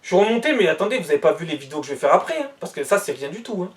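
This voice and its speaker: A man's voice: a little high, big pitch swings, racing, distant mic. A man ranting bluntly and heatedly in a monologue, repeating himself as he reacts to the news.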